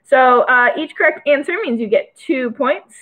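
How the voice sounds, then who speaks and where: A woman's voice: sits high, normal speed, a bit bright, low-quality recording. A young woman with a Michigan accent, casually hosting a trivia quiz and chatting between questions. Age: young adult. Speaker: trivia host. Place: small indoor room by a window.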